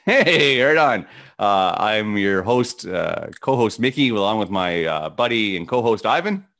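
A middle-aged man with a gravelly morning voice and a fairly low pitch, chatting as the co-host of a sports podcast. He rambles and halts, restarting sentences and filling the gaps with ums and uhs. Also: lively intonation. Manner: rambling, halting with many restarts and fillers. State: voice cracking. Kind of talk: casual sports podcast chat.

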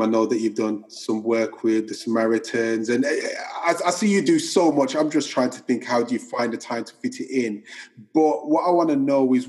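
A man's voice: mid-range voice, darkish tone. A man hosting an interview podcast, asking friendly, rambling questions. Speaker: podcast host.

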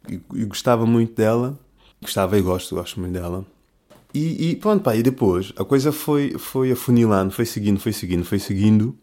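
Mellow-voiced rambling man. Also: sits low. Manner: rambling, slangy, self-correcting. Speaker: podcast host. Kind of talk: casual monologue.

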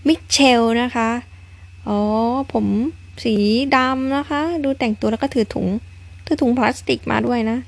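A woman's voice: on the high side, a little slow, gravelly. A woman casually narrating a story game, chatty and polite, thinking aloud as she reads along. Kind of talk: casual let's-play narration.

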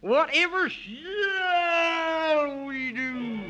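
A man's voice: extremely high pitch, pushed and bright, lo-fi sound, faint music behind, exaggerated voice. A man playing a grumpy, flustered old fusspot who sputters and frets, in 1930s children's radio drama style. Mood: fretful, alarmed. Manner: sputtering, fretful, drawn-out exclamations.

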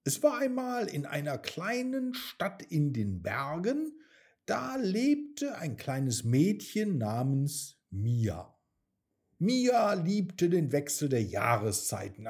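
A man narrating a children's story in a gentle storytelling manner. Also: high voice, wildly swooping pitch, takes it slowly. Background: soft background music.

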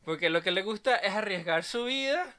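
A man's voice: sits high, lively intonation, normal speed, crowd noise. A man in a casual chat about films, slangy and jokey. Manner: slangy, jokey, says "weón" a lot.

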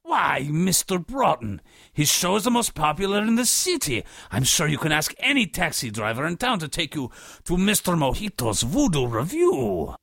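A fussy Latin American host, played by a man. His voice is gravelly and leaps up and down as he fumbles politely for English words. He comes across as flustered but courteous in an audio drama. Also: a little high, sing-song, normal speed, a bit bright, no echo, clean studio sound, exaggerated voice.

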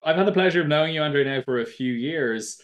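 A man's voice: a little high, fairly quick, muffled recording. A man hosting a podcast interview, asking conversational questions in a friendly way. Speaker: podcast host.

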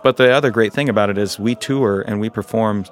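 A man with a lowish voice chats informally as an interview guest. He explains in a casual, conversational style, often voicing imagined remarks as examples. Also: a little fast. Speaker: touring musician, interview guest.

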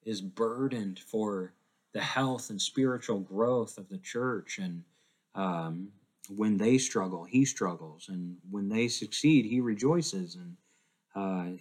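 Low-voiced man preaching with emphatic swings. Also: slow. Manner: emphatic, swinging from loud declarations to hushed, quiet lines; frequent uh fillers and repeated restarts. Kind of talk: sermon.

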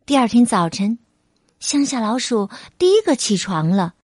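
A woman reading a children's story aloud in a gentle, unhurried way. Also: fairly high pitch, lively intonation, slightly rough, no echo, studio quality.

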